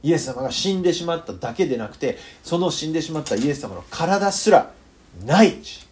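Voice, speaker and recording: Pastor, male, northern Kyushu accent; expressive storyteller with a swooping delivery and playful asides. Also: a little high, brisk, a little hiss or hum. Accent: northern Kyushu Japanese. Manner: animated storytelling, acting out the people in the story, joking. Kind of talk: sermon.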